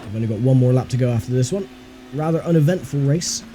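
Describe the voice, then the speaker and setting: He speaks quickly in a warm, medium-pitched voice, hosting a racing game video and chatting casually about his own driving. The man is a sim racer, and game car sounds with faint engine noise fill the background.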